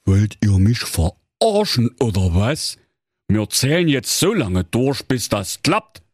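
A man's voice: on the low side, expressive, measured pace, darkish tone, slightly rough, no room sound, studio quality. A man voicing a clumsy, dim-witted male bear in a comic fairy-tale parody, stammering excuses and blustering. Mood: stern. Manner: fumbling, sheepish excuses, sometimes blustering.

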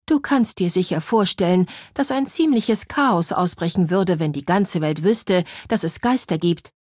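A woman voicing a gentle, sad ghost lady who speaks softly in a storybook. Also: on the low side, lively intonation, unhurried, no room sound, studio quality. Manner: soft, cooing.

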